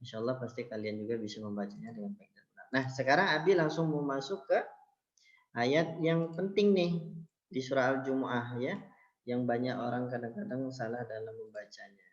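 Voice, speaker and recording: A man's voice: medium pitch, lo-fi sound. Patient male Quran teacher, roomy sound. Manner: patient, explains slowly, addresses listeners as children. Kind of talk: tajwid lesson with chanted recitation.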